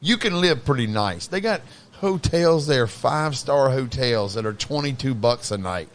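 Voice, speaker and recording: A man's voice: mid-range voice, normal speed. A man in his late forties, hosting a casual podcast chat and pressing his point with repetition. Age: 40s. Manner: animated, keeps repeating his point.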